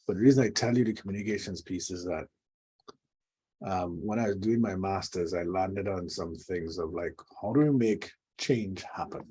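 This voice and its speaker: Middle-aged male interview guest from Trinidad and Tobago, deep husky voice, reflective and drily humorous. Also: dark tone, rough recording. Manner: reflective storyteller, dry humor. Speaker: guest, leadership coach. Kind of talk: conversational interview.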